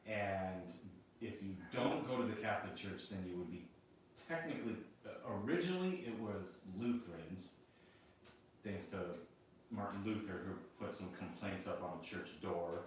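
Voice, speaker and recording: A man's voice: low voice, expressive, moderate pace. A man co-hosting a podcast who explains things in a thoughtful way in casual chat. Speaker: podcast co-host. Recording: far-off echoey room, faint noise.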